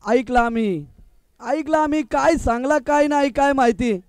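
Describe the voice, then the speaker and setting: Male local cricket commentator, very high voice, dry close sound, playful teasing banter. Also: moderate pace, smooth, no echo. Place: outdoor local cricket ground.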